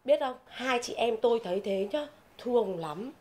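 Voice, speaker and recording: A woman's voice: a little high, lightly acted. A woman with a Northern Vietnamese accent playing a chatty village woman who loves telling stories and laughs at her own jokes. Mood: amused. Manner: animated storyteller, quick to laugh. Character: chatty, giggly village woman fond of gossip. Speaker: neighbor friend telling stories. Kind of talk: comedy film dialogue.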